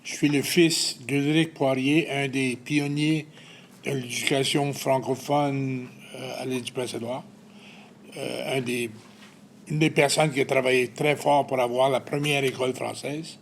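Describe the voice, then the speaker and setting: A man's voice: mid-range voice, steady tone, unhurried, creaky, a little hiss or hum. An older man introducing himself in a good-humoured way. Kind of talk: personal introduction.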